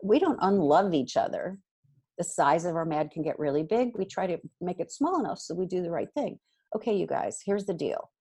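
A woman giving parenting advice in casual chat, animated and acting out what parents and kids might say. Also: fairly low pitch, fairly quick, slightly rough. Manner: animated, acts out quoted dialogue. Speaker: parenting guest expert.

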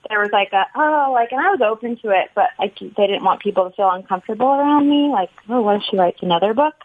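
A woman's voice: mid-range voice, expressive, fast. Playful woman on a thin phone-like line. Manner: teasing, playful, curious. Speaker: podcast guest. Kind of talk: casual chat.

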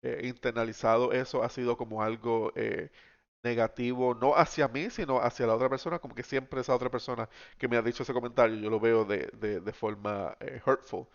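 A man's voice: mid-range voice, steady tone, brisk, creaky. A man, co-hosting a casual podcast chat, thoughtful and mixing in English words. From Puerto Rico. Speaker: podcast co-host. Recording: dull lo-fi recording.

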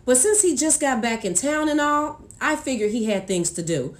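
High, expressive woman narrating a story. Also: normal speed. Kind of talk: first-person audiobook narration.

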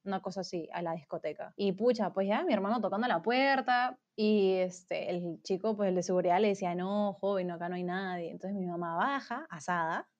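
A woman's voice: medium pitch, fairly quick, hardly any pauses. Slangy woman telling a story. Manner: animated storytelling, heavy slang and fillers. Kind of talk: casual chat. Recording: dull lo-fi sound.

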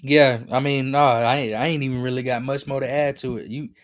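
A man's voice: mid-range voice, level tone. Man, sports podcast co-host, casual, agreeable, hesitant, restarts. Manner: agreeable, halting, restarts often.

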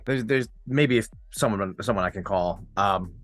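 A man's voice: lowish voice, moderate pace. A man playing in a tabletop role-play, speaking in a hesitant, stammering way with many restarts. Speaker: player.

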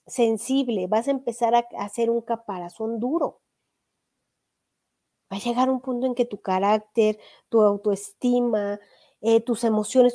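A woman's voice: a little high, warm tone. A woman giving a motivational talk, speaking earnestly and asking listeners direct questions.

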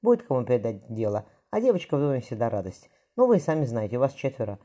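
A hearty middle-aged merchant who praises and reassures his guest, as a reader puts him on. The tone is mellow and dark, and he talks at a brisk pace. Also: very deep voice, sing-song, full character voice. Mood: genial. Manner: genial, sincere.

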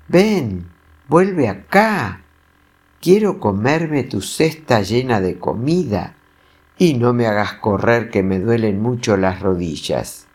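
A man's voice: on the low side, expressive, unhurried, darkish tone. A man voicing a whiny, grumpy crocodile with sore knees in a storybook reading, shrieking and fussy. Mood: shrill. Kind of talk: storybook voice acting.

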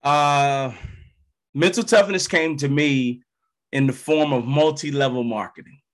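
A former pro ballplayer, appearing as a podcast guest, speaks in a medium-pitched male voice at a measured pace. He tells his story casually in loose, slangy language, acting out the voices of the people involved. The mood stays relaxed throughout.

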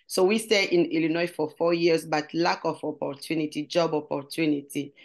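A middle-aged Congolese woman with a Congolese French accent tells her story as a guest in an interview conversation. Her voice is low and steady at a moderate pace, and she searches earnestly for English words.

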